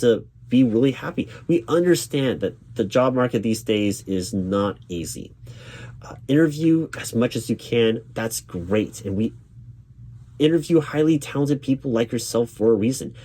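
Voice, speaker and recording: A man role-playing a job interviewer, reassuring and accommodating, halting and repeating his words as he goes. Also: medium pitch, dark tone. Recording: lo-fi, noisy, clacking keyboard typing. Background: computer keyboard typing.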